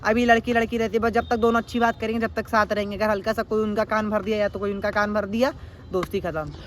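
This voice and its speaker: Slight background noise accompanies a teenage boy's fast, high-pitched talk with little pitch movement as he vlogs into a phone camera outside at night. He rambles through crude, slangy, unfiltered banter.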